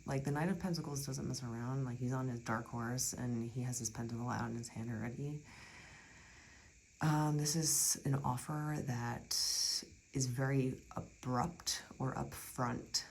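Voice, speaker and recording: A tarot reader talking through a card spread in a chatty, reassuring way, often dropping into soft near-whispers. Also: medium pitch, fairly even intonation, measured pace, creaky, slight background noise, rough recording. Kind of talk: casual tarot reading.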